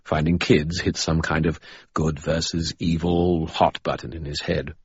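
A man's voice: a bass voice, flat delivery, measured pace, husky, no room sound, lo-fi sound, pitched above the performer's own voice, heavily acted. A man voicing a sarcastic, patronizing male spirit who lives in a skull.

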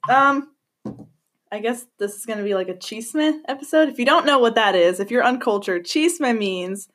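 Young woman, casual podcast host; giggly, jokey, swears a lot, lively high voice. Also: moderate pace. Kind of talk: casual chat.

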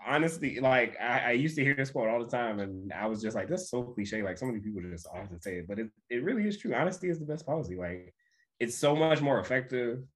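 A man's voice: mid-range voice, expressive, fast, a bit bright. A man in casual podcast conversation, speaking earnestly and restating his points as he goes. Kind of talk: casual chat.

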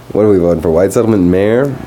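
A young man talking casually and profanely on his podcast while high, rambling from one thought to the next. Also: dark tone, a little hiss or hum. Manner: rambling, profane, laid-back. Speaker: podcast host. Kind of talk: casual stoned podcast monologue. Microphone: podcast microphone.

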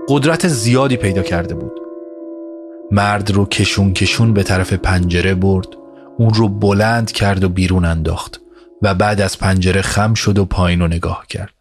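Male narrator, low-pitched and measured, scripted story reading over a music score.

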